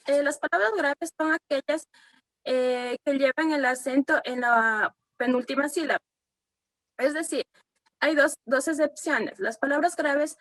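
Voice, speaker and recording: A woman's voice: high-pitched, dry recording, rough recording. A young woman, a student, presenting to her class hesitantly, with many fillers and repeated words.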